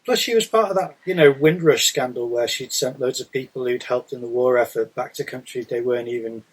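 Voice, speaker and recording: Husky British man in casual conversation. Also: medium pitch, a little fast, low-quality recording. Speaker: podcast co-host. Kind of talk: casual chat.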